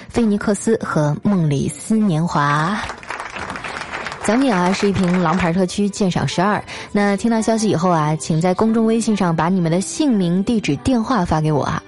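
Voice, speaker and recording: A woman's voice: on the low side, a little mellow. A woman hosting a comedy talk show, telling jokes in a playful, teasing way. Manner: playful, teasing, acts out characters' lines. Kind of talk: scripted comedic storytelling.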